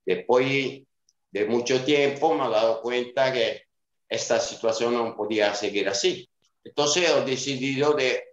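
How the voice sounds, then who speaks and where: Here a man in his fifties, a Sicilian club director with an Italian accent, answers interview questions casually in a mid-range voice. Hesitation, fillers, and restarts run through his speech, captured by a webcam in a small home room with roomy, muffled call audio.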